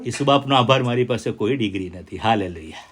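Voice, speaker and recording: A man's voice: mid-range voice, lively intonation, quick pace, a bit bright, slightly rough. A middle-aged man from India preaching a sermon with call-and-response. He speaks with emphasis and keeps asking his listeners questions.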